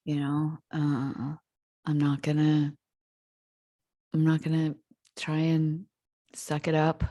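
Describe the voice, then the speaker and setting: Low-voiced woman talking candidly. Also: completely flat delivery, slow, mellow, dry recording, clean studio sound. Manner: candid, reflective, laughs easily. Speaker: guest. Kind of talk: casual podcast conversation.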